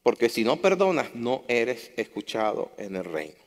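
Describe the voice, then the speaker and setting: A man's voice: mid-range voice, sing-song, normal speed. A man preaching a sermon to his congregation, impassioned, repeating phrases for emphasis. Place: church hall. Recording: long hall reverb.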